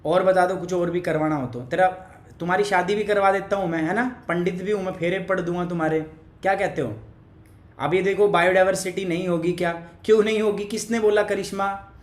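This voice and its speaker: A man's voice: sits high, steady tone, fairly quick. A male teacher with a cough, giving a chatty live online class and teasing viewers by name. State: has a cough. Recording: echoey room.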